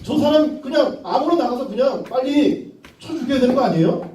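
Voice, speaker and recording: A man's voice: very high-pitched, expressive, brisk, mellow, far from the mic, a little hiss or hum, voice pushed up. A man voicing a brave, cheerful young boy David in a children's Bible story, eager and confident. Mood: bold. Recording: echoey room, mic from afar, children behind.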